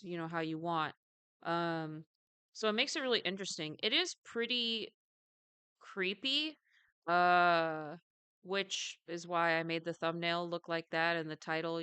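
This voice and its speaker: Chatty woman with a bright, crisp voice. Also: mid-range voice, no echo. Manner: chatty, lots of fillers and self-corrections; self-described jumpy. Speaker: podcast co-host. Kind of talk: casual podcast chat.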